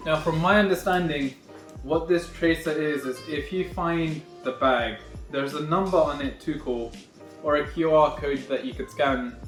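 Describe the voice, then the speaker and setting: A man filming a casual unboxing walkthrough on his phone, talking in a rambling, wry way and correcting himself as he goes. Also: medium pitch. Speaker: vlogger unboxing a backpack. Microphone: phone recording himself. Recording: echoey room on a phone mic, faint music behind.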